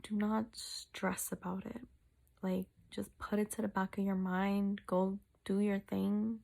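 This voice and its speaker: Slow, very creaky woman, sore after wisdom teeth surgery. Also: medium pitch, little pitch movement, a little mellow. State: sore mouth, recovering two days after wisdom tooth surgery; tired. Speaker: vlogger. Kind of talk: casual personal vlog update, chatty.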